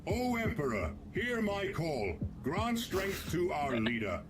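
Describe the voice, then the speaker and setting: An actor playing an imperial priest, reciting a solemn invocation in a booming villain-like monologue. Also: male voice, wildly swooping pitch, slow pace, over loud music, exaggerated voice. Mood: solemn, fervent. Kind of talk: solemn scripted prayer.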